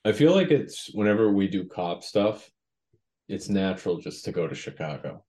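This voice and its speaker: A man's voice: sits low, very animated, normal speed, warm tone. A young man co-hosting a podcast, telling school stories in a joking, loose way, acting out quotes and swearing freely. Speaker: podcast co-host. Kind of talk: casual chat.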